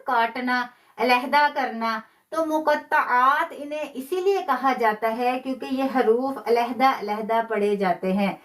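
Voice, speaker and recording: A woman teaching a live online Quran class, patiently repeating key phrases and slowing down to demonstrate pronunciation. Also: sits high, fairly bright tone. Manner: stretches words slowly when demonstrating pronunciation.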